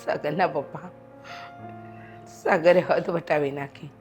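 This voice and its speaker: A woman playing a slow, indignant middle-aged wife. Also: sits low, fairly even intonation, darkish tone. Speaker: wife and mother. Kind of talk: short film acting. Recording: faint background music. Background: faint music.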